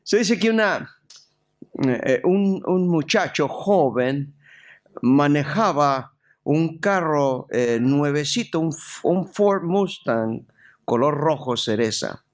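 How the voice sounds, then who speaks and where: A man's voice: a little high, slow. A male pastor from Mexico, preaching a sermon, telling humorous stories and then reading scripture aloud. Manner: storytelling with lively jokes and scripture reading.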